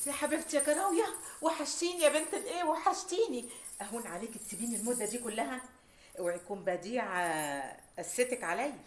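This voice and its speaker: A woman's voice: fairly high pitch, lively intonation, fast, reverberant, close to an everyday voice. An actress playing a doting woman who raised an orphan girl, speaking with an Egyptian accent in an affectionate, coaxing way. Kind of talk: TV drama acting.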